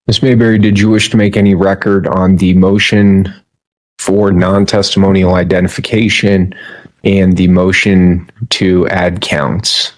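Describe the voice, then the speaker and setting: A man presiding as judge, speaking in a measured, procedural way, heard in a courtroom recording. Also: low-pitched, flat delivery.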